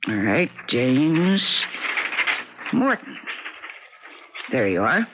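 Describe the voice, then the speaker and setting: A woman's voice: very deep voice, very animated, extremely slow, narrow, tinny audio, background noise, exaggerated voice. An actress in an old radio drama playing a lonely, self-possessed young woman, direct and wry. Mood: wry, teasing.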